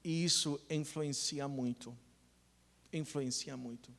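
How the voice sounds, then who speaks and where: A man preaching a sermon as pastor, earnest, telling stories and retelling conversations, building to loud emphasis. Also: medium pitch, steady tone, slow pace, creaky, big-room sound.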